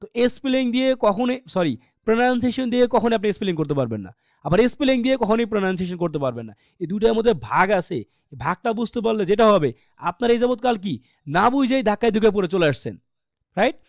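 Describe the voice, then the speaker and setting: A man's voice: high voice, expressive, fast, no room sound, clean studio sound. A man with a Bangladeshi Bengali accent teaching English pronunciation in a live online class, quizzing students and sounding words out letter by letter.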